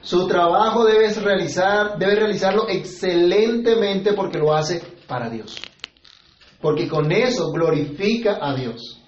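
A man, preaching a sermon. His voice sits a little high, and he keeps turning to the listeners with rhetorical questions. The room is echoey and the sound slightly muffled. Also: measured pace. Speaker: pastor.

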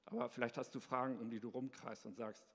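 A man's voice: mid-range voice, fairly even intonation, quick pace, a bit bright. A man giving an earnest, encouraging devotional talk. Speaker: speaker of a short devotional talk. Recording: long reverb in a hall.

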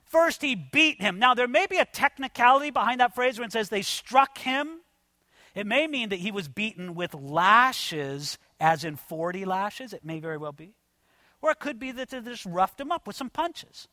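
A man preaching an expository sermon in an animated, conversational way, addressing his listeners as friends. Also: high-pitched, normal speed, no room sound, studio quality. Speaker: pastor.

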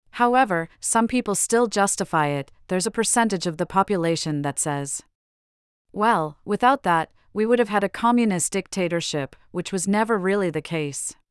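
An older woman from Chile, an author answering interview questions in a measured, reflective way. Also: fairly low pitch, clear, resonant tone, dry recording, studio quality.

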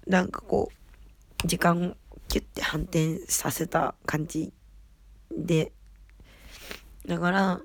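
A woman with a raspy, husky voice, an idol hosting her own radio show, rambling along in casual, self-deprecating solo chat. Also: on the low side, steady tone, slow, pauses often.

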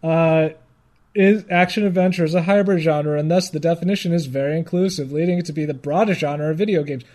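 A man's voice: on the high side, a little fast, a little mellow. A man co-hosting a podcast in casual banter, reading aloud and ranting with mock exasperation. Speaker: podcast co-host.

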